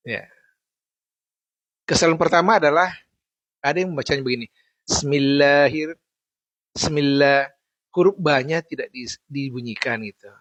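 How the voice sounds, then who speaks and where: A man teaching how to recite a scripture passage correctly, patiently repeating and slowly chanting example words. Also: fairly high pitch, fairly bright tone, dry recording. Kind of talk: instructional talk on recitation.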